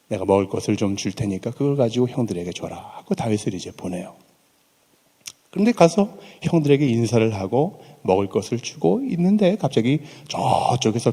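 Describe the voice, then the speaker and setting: A man preaching a sermon in a chapel, telling a story with animated, acted-out dialogue in everyday slang. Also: mid-range voice, husky. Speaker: pastor. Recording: long hall reverb in a chapel.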